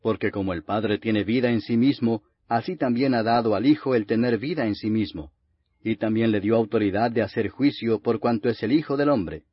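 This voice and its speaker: A man's voice: fairly low pitch, moderate pace, slightly rough. A man reading the Bible aloud as a scripted narration, in a solemn, grave and declamatory manner. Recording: muffled, reverberant lo-fi audio.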